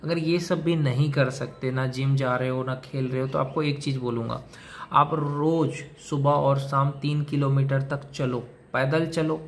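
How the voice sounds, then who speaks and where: A man's voice: mid-range voice, fairly even intonation, measured pace, a little hiss or hum. A man giving a direct-to-camera advice monologue, lecturing in a repetitive way and talking to the listener like a brother. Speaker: self-help video host.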